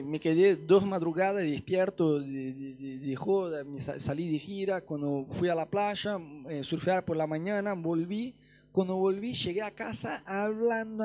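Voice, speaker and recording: A young man preaching his testimony in Rioplatense Spanish, with a high-pitched voice. He tells the story with energy and acts out voices and scenes as he goes. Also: a little mellow. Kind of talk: testimony sermon.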